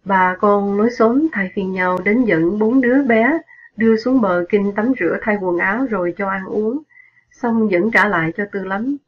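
A woman narrating a short story in a steady, measured reading voice. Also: mid-range voice, breathy edge, dull audio.

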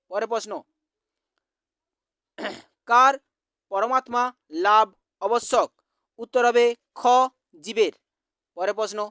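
A teacher from West Bengal slowly reading out exam quiz answers, repeating each question. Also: mid-range voice, a bit bright, no room sound, studio quality.

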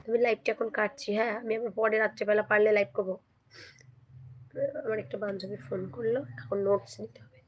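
A hoarse woman hosting a casual live stream, chatting and repeatedly urging viewers to comment and subscribe. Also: medium pitch, level tone, fast talker.

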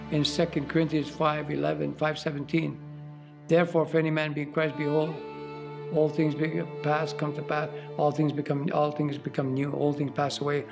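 An older man, a pastor, speaking earnestly and haltingly about his calling. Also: fairly high pitch, gravelly. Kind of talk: testimony interview. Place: indoor studio backdrop. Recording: music bed underneath.

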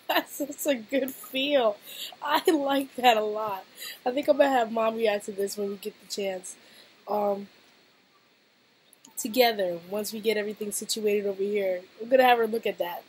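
A woman hosting a casual reaction vlog, chatty and rambling, laughing often, with a hoarse-sounding voice. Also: a little high, unhurried, long pauses, rough recording. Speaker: reaction video host.

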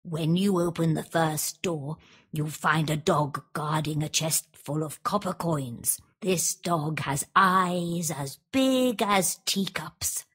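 A woman's voice: low voice, takes it slowly, fairly bright tone, breathy edge, heavily acted. A woman voicing a scheming old witch in a children's storybook, coaxing and sly. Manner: sly, coaxing, whispery at times. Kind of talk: storybook voice acting.

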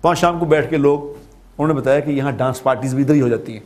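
A man's voice: medium pitch, a little mellow. A man from Pakistan giving a religious talk, telling a story with repeated phrases for emphasis. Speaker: preacher.

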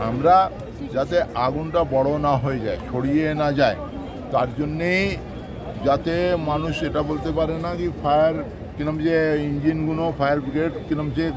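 An older man, a former fire official, gives halting, improvised answers to reporters outdoors, slipping in English phrases. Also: fairly high pitch. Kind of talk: impromptu press statement. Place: outdoors at a busy street scene. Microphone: press microphones held close. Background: crowd noise.

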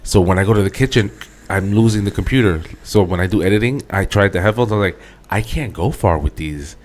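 Male podcast co-host, New York accent, lower voice, quick with a teasing joke. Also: a little mellow. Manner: teasing, joking banter. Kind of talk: casual chat.

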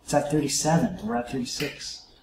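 A man talks his viewers through a game in a relaxed, musing way, addressing them directly as he plays. His voice sits at an ordinary middle pitch. The room gives it a noticeable echo, with faint background clatter. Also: fast talker, a little hiss or hum. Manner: chatty, musing aloud to viewers. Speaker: let's play host. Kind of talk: casual gameplay commentary.

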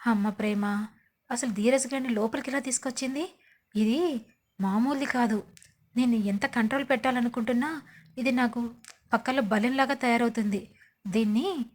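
A feisty young woman who brags and scolds, as a woman narrator puts her on. Her voice sits fairly high, in a plainly told storybook-style recap. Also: normal speed, long pauses, natural voice. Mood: scheming. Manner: boastful, scolding.

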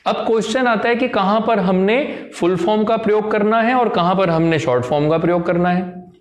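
A man's voice: sits high, normal speed. A man teaching an English lesson in Hindi to a class, chatty and repetitive, often checking in with the students. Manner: chatty, repeats phrases, often checks with "theek hai?". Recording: echoey room.

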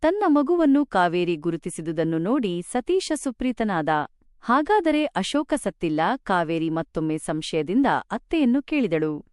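A woman storyteller reading a romance novel aloud in an expressive, dramatic way. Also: fairly low pitch, normal speed, clean tone, no room sound, studio quality.

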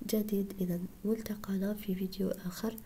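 Softly whispering woman teaching French syllables. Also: medium pitch, little pitch movement, slight background noise. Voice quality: soft, breathy whisper. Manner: slow, patient, sounds out syllables. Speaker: French teacher for primary pupils. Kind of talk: whispered online lesson.

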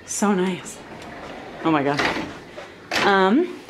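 A young woman talks her way through a resort room tour, chatty and excited. Her voice sits in the middle of the female range. The handheld camera audio carries clear background noise. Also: medium pitch, drawn-out words. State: winded from stairs. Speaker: vlogger filming a resort trip. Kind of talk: casual vlog chat. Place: hotel resort, indoors and outdoors.

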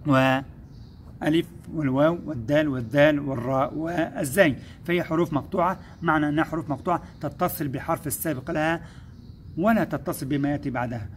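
A patient male teacher speaking to young children, his voice set a little high for a man. He breaks words into slow, drawn-out syllables and praises the class often. A faint hiss sits under the recording. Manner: patient, explains step by step, slows to sound out syllables; addresses pupils as "my sons", praises them. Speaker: first-grade Arabic teacher.

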